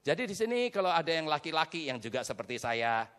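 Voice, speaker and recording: Male pastor, bright high voice, big swings from shouts to murmurs, sermon delivery. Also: quick pace, clear, resonant tone. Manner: animated, swings between shouted declarations and low asides.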